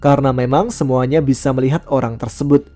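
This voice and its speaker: Guy reading a spooky hiking story, mellow low tone, faint music in the back. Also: fairly even intonation, fast talker. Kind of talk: narrating a horror story.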